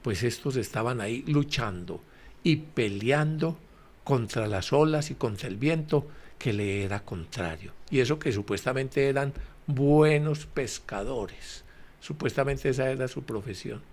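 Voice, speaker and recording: A man presenting a Bible commentary in a relaxed, conversational way, explaining slowly with many fillers and repetitions and speaking straight to his listeners. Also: mid-range voice. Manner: addresses listeners directly.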